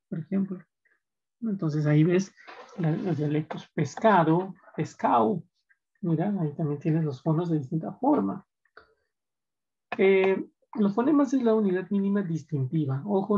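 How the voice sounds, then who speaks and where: Male teacher, husky and mellow, explaining patiently, lo-fi recording. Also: fairly high pitch. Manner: explanatory, checks in with tag questions. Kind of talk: recorded slide lecture. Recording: dull lo-fi recording.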